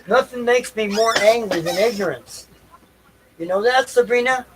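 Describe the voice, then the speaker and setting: A male livestream host with a voice that sits high rambles unscripted at a moderate pace while setting up. He loosely talks things through to himself and repeats phrases, with background noise audible.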